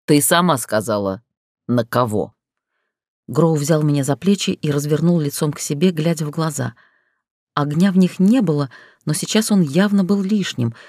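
A first-person audiobook narrator with a wry, conversational delivery. The voice sits in a middle pitch. The recording is dry and close. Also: moderate pace, mellow, no echo. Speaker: audiobook reader.

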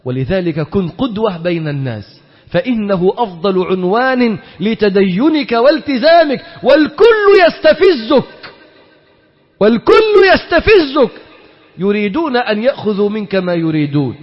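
A high-voiced Egyptian man preaching a sermon, his pitch leaping up and down as he throws questions at the crowd and acts out exchanges. The sound is dull and lo-fi, with a long hall reverb behind every line. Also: fairly quick. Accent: Egyptian Arabic. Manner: animated, rhetorical questions, acts out dialogues.

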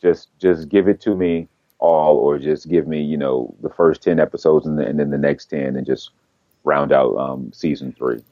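A man's voice: extremely low pitch, steady tone, moderate pace, dry recording, lo-fi sound. A man co-hosting a casual comics news podcast, rambling and correcting himself as he talks. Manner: rambling, self-correcting, laughs easily. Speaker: podcast co-host.

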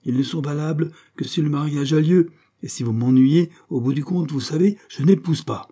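A man's voice: a little high, normal speed, voice pushed up, close to an everyday voice. A man reading as a scolding, domineering matron. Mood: blunt. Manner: sharp, blunt and commanding. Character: domineering scolding middle-aged mother, a matron.

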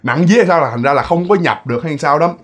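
A restless ghost that has seized a living woman, voiced by a man in a spoken horror tale. It talks, pitched a little high, and explains itself in a plain, pleading way. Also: lively intonation, fast talker, slightly rough. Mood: confessing. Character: wronged female ghost possessing a woman.

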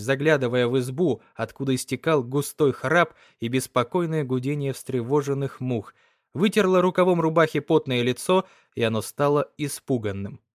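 A man narrating a literary story in an even, unhurried reading voice. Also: medium pitch, no room sound, clean studio sound. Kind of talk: audiobook narration.

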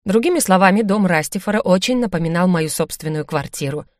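A woman narrating a fantasy audiobook in first person with lively, expressive delivery. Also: on the low side, brisk, no echo, clean studio sound.

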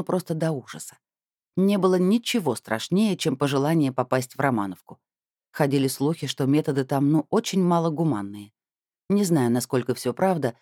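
A woman's voice: deep voice, mellow, no echo, studio quality. A woman narrating a first-person novel in a wry, conversational storytelling manner. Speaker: audiobook narrator.

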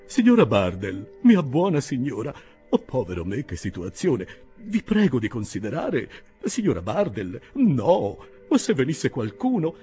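A man reading an audiobook and voicing an earnest, easily flustered older gentleman who grows agitated and pleading. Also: on the low side, big pitch swings, measured pace, soft background music. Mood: alarmed.

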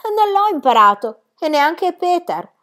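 Little mountain girl, calm, simple, matter-of-fact, woman reader voicing her. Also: very high voice, a little slow, pitched above the performer's own voice, exaggerated voice. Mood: plain.

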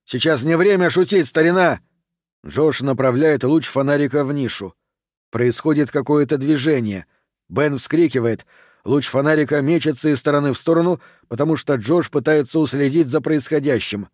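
A man narrating a horror audiobook in an even, steady reading voice. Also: medium pitch, normal speed, dry recording, clean studio sound.

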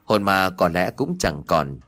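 A man narrating a ghost story in a dramatic, expressive storytelling manner. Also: low-pitched, measured pace.

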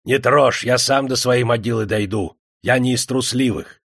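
A man's voice: medium pitch, a little slow, breathy edge, dry recording, clean studio sound. A man doing a defiant old servant. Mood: scornful. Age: older. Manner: mocking, defiant.

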